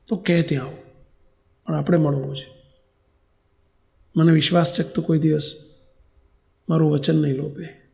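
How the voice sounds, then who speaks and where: A man's voice: a little high, gravelly, darkish tone. A man with a Gujarati accent who is a monk preacher, telling a story in a sermon and acting out the dialogue.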